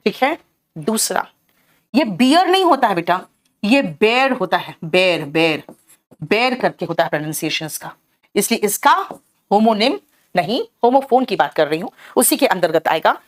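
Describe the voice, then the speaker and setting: A middle-aged woman teaching an exam-prep English lesson with an Indian English accent, calling her students "beta" and checking often whether they have understood. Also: on the high side. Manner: addresses students as "beta", keeps asking "clear?" and "theek hai?".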